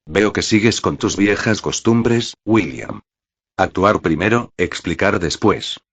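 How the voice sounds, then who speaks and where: A man reading as a calm commanding woman. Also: low-pitched, no echo, exaggerated voice. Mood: serene, warning. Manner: soft, measured, quietly authoritative. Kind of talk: audiobook reading.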